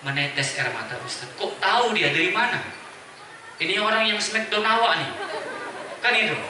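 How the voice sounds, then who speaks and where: A man in his thirties with a Medan accent, preaching an emotional storytelling sermon in a lively, conversational way with playful asides. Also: sits high, normal speed, crowd noise, background noise. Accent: Medan Indonesian. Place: mosque hall at a religious gathering. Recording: echoey hall from far off.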